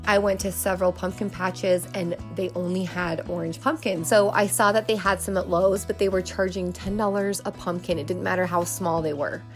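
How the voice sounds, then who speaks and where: A woman in her thirties, sick and losing her voice, narrates a home decorating vlog in a nasal tone as casual voice-over. She's chatty and upbeat, using fillers like "um" and "like," speaking at a normal speed with hardly any pauses in a fairly low, steady voice, with faint music playing behind her.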